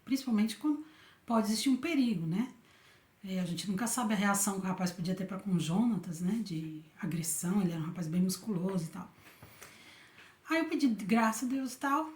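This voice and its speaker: A woman's voice: medium pitch, a little mellow. A middle-aged Brazilian woman shares a personal faith story in a conversational way, often ending her phrases with a questioning tag. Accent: Brazilian Portuguese. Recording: roomy echoey room.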